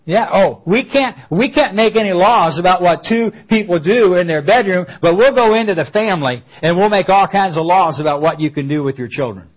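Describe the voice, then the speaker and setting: An older man delivers a sermon in an emphatic, storytelling way, breaking into animated asides. His voice is husky and sits a little high. The recording sounds muffled and lo-fi. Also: a little fast, hardly any pauses. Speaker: pastor.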